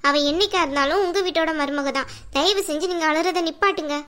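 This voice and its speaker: A woman voicing a gentle young woman who soothes and pleads with her sick father-in-law. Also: very high-pitched, fast talker. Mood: pleading.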